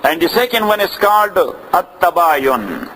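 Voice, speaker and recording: Here the Pakistani-accented teacher sounds high-pitched, pushed and bright, with big pitch swings at a moderate pace. Lecturing on inheritance law, he repeats phrases and checks comprehension, speaking English as a second language; his mother tongue is neither Arabic nor English. Slight background noise and a rough recording accompany him.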